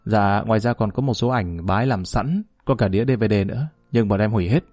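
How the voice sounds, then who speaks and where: A man voicing a fawning male underling who keeps flattering his boss in a spoken story. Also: lowish voice, fast talker, no echo, lightly acted.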